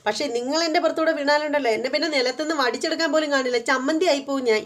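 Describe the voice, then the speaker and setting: A woman voicing a feisty young wife who scolds sharply in a high voice. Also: brisk, close to an everyday voice. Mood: scolding.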